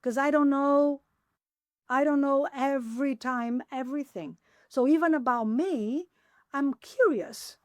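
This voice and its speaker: A woman in her forties, a podcast guest, talking enthusiastically in a conversational interview, her voice climbing higher whenever she gets excited. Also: measured pace, no echo. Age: 40s. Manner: enthusiastic, pitch jumps up when excited; animated, acts out her own inner questions. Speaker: podcast guest, applied philosopher.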